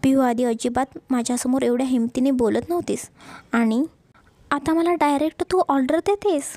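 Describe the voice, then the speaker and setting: A woman's voice: high voice, moderate pace, warm tone, dry recording, lightly acted. A woman voicing a playful, doting young husband in a romance story. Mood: teasing. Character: young husband, teasing and affectionate.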